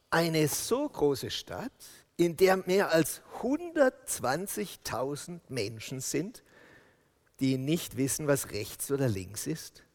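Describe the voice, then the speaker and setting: A man preaching a sermon, telling the story with lively sound effects and acted-out lines. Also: a little high. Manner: animated storytelling, acts out quotes. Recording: long reverb of a large hall.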